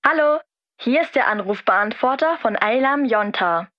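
A woman's voice: fairly high pitch, expressive, moderate pace, dull audio. A woman speaking a polite, formal answering machine greeting in a scripted listening recording.

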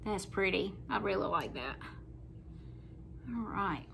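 Speaking slowly with an expressive, gravelly medium-pitched voice, this middle-aged woman with a Southern US accent chats folksily as she paints. She's a craft painting host working at her kitchen table indoors, and the background is noisy.

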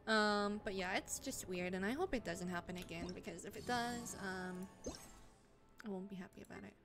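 A woman's voice: mid-range voice, normal speed, music in the background. A young woman streaming a game, chatting casually with lots of fillers and blunt swearing. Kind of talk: casual chat while gaming. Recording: noisy home stream mic.

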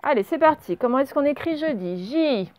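A woman teaching young children a spelling and dictation lesson, speaking slowly and patiently and spelling words out letter by letter. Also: high-pitched, animated, darkish tone. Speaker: primary school teacher. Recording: slightly dull, lo-fi home recording.

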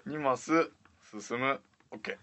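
A man's voice: medium pitch, unhurried, a bit bright. A male co-host on a game livestream, polite and easygoing, laughing along and keeping the segment moving. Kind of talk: casual livestream banter.

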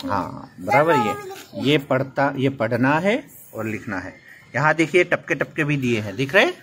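In a noisy classroom full of children, a man with a Gujarati accent patiently teaches young children to write letters, teasing them playfully. His voice is medium-pitched, sing-song, and a bit bright, at a normal speed.

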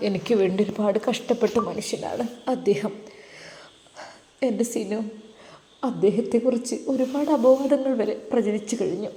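A woman's voice: medium pitch, moderate pace, warm tone, lightly acted. A woman voicing a young, grateful bride who speaks in an emotional, pleading way. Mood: tearful. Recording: echoey reverberant room.

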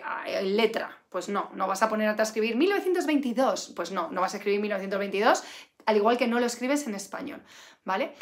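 A fairly high-voiced woman teaching an English class in a live stream, chatty and lively, repeating each word slowly for her learners. She is from Canada. Her voice rings in an echoey room. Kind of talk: live online English lesson.

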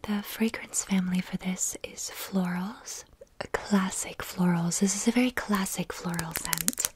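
Young woman, ASMR host, hushed whisper, close-miked, intimate, repeats words. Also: lowish voice, a little slow. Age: young adult.

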